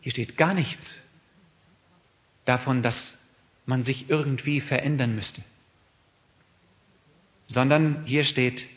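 A man delivering a sermon in an earnest, searching way. He asks his listeners question after question, dropping to a soft reflective tone and then rising to loud, emphatic appeals. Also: mid-range voice. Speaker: preacher.

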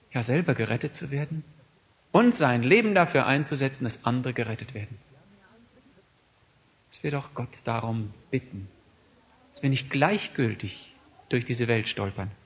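A man delivering a sermon in an earnest, searching way. He asks his listeners question after question, dropping to a soft reflective tone and then rising to loud, emphatic appeals. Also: medium pitch. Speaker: preacher.

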